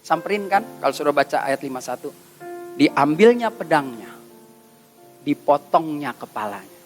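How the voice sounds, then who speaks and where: A male pastor, preaching a lively, joking sermon in street slang at a retreat. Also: on the high side, moderate pace, music in the background. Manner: joking, teasing, slangy storytelling. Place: church retreat session.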